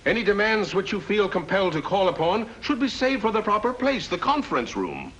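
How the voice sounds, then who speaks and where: An actor playing a polite, calm European nobleman in a 1950s radio drama. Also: sits high, a little fast, highs cut off, a little hiss or hum. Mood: placating. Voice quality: polite, soothing.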